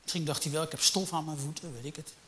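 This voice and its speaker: A man preaching a sermon, swinging from loud emphatic peaks to low, quiet storytelling. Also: fairly even intonation, fast.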